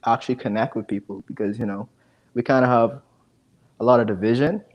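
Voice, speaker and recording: Interviewed over a home video call, a Bahamian man in his 20s who works as a digital marketing specialist chats casually and often repeats words. His mid-range voice is steady and fairly quick. The highs are cut off, and he's on an earphone headset.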